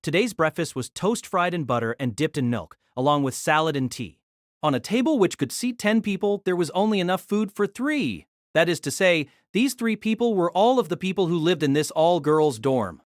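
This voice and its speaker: A man narrates a light novel aloud at normal speed, his slightly high voice moving lively through each sentence. The recording is dry and close, with no room sound.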